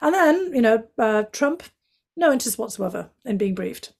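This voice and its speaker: A woman's voice: a little high, very animated, normal speed, vocal fry, darkish tone. A middle-aged woman with a Northeast English accent, from County Durham, answering interview questions in a fluent, candid way with frequent fillers. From County Durham, England. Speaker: guest, former intelligence analyst.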